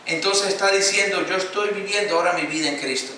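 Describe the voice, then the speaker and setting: A man preaches a sermon, pressing his points and drawing answers from the congregation. His voice is high and sharply bright. It is picked up from some distance in a very echoey church hall. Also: quick pace, slight background noise. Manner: emphatic preaching with call-and-response. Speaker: pastor.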